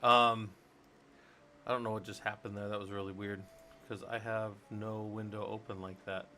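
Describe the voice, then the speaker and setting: Here the streamer's voice sits on the low side, fairly flat in pitch, at a normal speed with a bright, forceful tone. He chats in a loose, wandering way while using a computer, musing aloud and dropping in many fillers.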